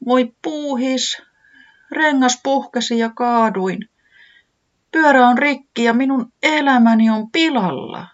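A high, wailing little bunny boy, read aloud by a storyteller, swooping up in a lively way and always close to tears. The sound is dull and lo-fi, like an old storybook tape. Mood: despairing. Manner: wailing, easily weeping. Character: tearful excitable young male bunny.

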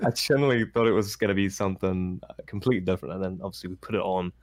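A deep-voiced Englishman in his 20s, a streamer appearing as a guest on a casual podcast, races through his stories with eager enthusiasm and keeps restarting his sentences. The recording is clean studio sound with no echo.

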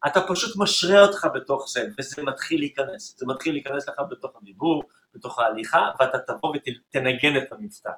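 A man and music teacher explaining rhythm in an interview, patiently counting beats out loud and voicing drum patterns. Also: mid-range voice, roomy sound.

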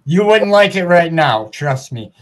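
A man's voice: fairly high pitch, very animated, unhurried. A man hosting a casual podcast interview, friendly, chatty and easygoing. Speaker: podcast host.

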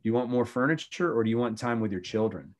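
A man's voice: mid-range voice, animated, fast. A middle-aged man, a former youth pastor, talking about faith and family in an earnest, preachy way with many restarts.

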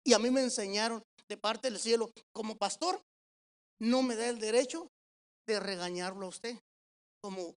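A man preaching as a pastor, animated, asking the congregation questions and swinging from soft to loud. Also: sits high. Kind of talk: sermon with practical advice.

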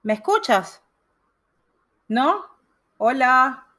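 A woman's voice: high-pitched, extremely slow. Woman host on a glitchy, distant call line. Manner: lively, calling out to check she is heard. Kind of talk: live-streamed interview chat. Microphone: video call.

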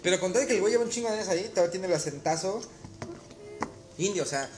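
A man's voice: high-pitched, lively intonation, racing, darkish tone. A man with a Mexican accent, a cook telling stories in a casual chat, full of slang and swearing. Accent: Mexican Spanish. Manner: loose storytelling, heavy slang and swearing. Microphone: phone. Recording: echoey room, music behind.

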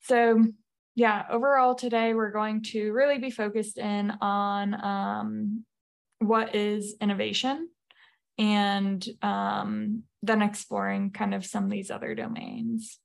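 A woman speaking as a podcast guest over a video call, explaining at a measured pace with frequent fillers. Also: mid-range voice, level tone, gravelly. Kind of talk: presenting slides in a remote interview.

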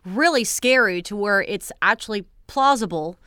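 A woman's voice: medium pitch, expressive, moderate pace, bright, forceful tone, smooth, no echo, studio quality. A woman co-hosting a podcast in casual chat, speculating in long run-on sentences. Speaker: podcast co-host.

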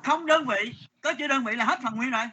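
Guy teaching a class, kinda stern, scolds a lot, sharp raspy voice. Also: very high voice. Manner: stern, scolding, dictates numbers slowly. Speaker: math teacher.

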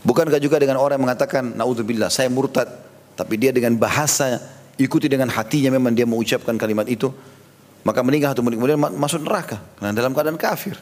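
A man's voice: mid-range voice, fast talker. Man preaching in a reverberant hall. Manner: lively retelling with acted quotes and light jokes. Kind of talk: storytelling sermon.

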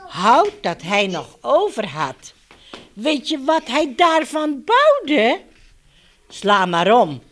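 A woman reads a picture book aloud to young children and keeps turning to them with questions. Her voice is a touch high and swoops all over the place. She talks at an unhurried pace. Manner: animated, addresses children directly. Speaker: children's story reader.

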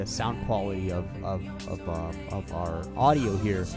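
A man hosting a podcast in a casual, informal and emphatic way, with excited delivery. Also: fairly low pitch. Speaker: podcast host. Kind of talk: casual podcast intro and interview.

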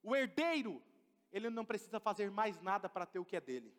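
A man's voice: high voice, sing-song, fairly quick, in a large hall. A man preaching a sermon as pastor, emphatic and questioning the congregation. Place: church.

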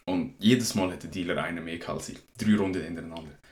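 A man's voice: deep voice, fast. A young man with a Swiss German accent, telling stories in a slangy, rambling way as a podcast host in casual chat. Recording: echoey room.

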